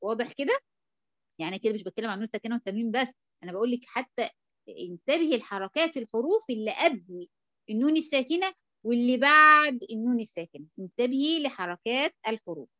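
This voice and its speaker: Egyptian woman, Quran recitation teacher, tajweed lesson, fairly high voice, muffled dry recording. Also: lively intonation, sharp tone, no room sound. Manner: patient, checks understanding often, drawn-out demonstration syllables.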